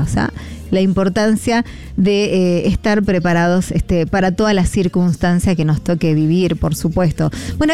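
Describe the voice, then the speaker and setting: Warm-voiced Argentine woman radio host. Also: mid-range voice. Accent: Argentine Spanish. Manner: rambling, hesitant, many fillers, encouraging. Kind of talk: devotional talk on air.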